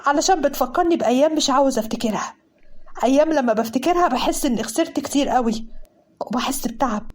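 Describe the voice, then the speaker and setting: A woman's voice: high-pitched, fast, lightly acted. A woman with an Egyptian accent voicing a young man in love, angry and reproachful as he speaks. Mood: bitter. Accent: Egyptian Arabic.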